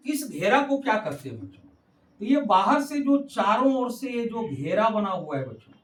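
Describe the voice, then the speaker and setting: A male math teacher explaining a geometry lesson to children, repeating points and calling on the kids again and again, with a Hindi accent. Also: very high voice. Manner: repetitive, addresses the kids constantly. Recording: roomy, from a distance.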